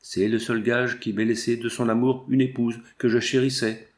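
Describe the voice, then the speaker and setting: A man's voice: medium pitch, level tone, moderate pace, natural voice. A man reading the part of an elderly monk who pleads passionately for his son's life. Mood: humble. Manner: impassioned, pleading. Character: old monk and father pleading for his son. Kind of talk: audiobook character reading.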